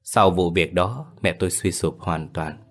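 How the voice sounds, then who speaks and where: Deep-voiced man narrating a ghost story. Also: measured pace.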